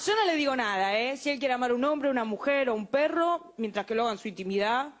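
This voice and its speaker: A woman's voice: fairly high pitch, expressive, quick pace. A young woman with an Argentine Spanish accent doing a stand-up routine, wry and chatty with conversational asides. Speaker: stand-up comedian.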